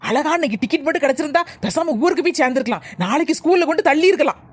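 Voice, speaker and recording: A woman's voice: high-pitched, expressive, very fast, dry recording. A woman voicing a fussy young mother in a cartoon, with a Tirunelveli-Kanyakumari Tamil accent, scolding and soothing the children. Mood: fretting.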